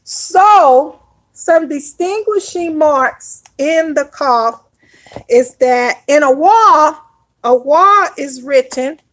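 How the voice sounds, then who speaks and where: A woman's voice: sits high, expressive, extremely slow, fairly bright tone. A woman teaching an online Hebrew lesson, explaining step by step and often checking in with "all right?".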